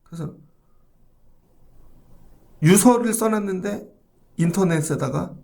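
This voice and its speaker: Middle-aged male pastor, gravelly and a touch high-pitched, conversational church sermon. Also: slow pace, darkish tone. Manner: conversational preaching, addresses the congregation directly. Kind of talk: early-morning sermon.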